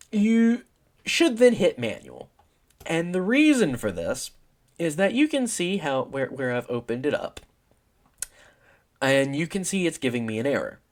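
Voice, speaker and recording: A man giving a casual, rambling screen-recorded tutorial, self-deprecating and acting out his own inner questions, his voice tiring toward failing. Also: medium pitch. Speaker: modding tutorial presenter.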